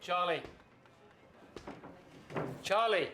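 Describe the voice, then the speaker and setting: A man's voice: high voice, extremely slow, sharp tone, soft background music, heavily acted. A man playing a questioning workplace partner in a film drama. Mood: puzzled. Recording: very noisy location sound.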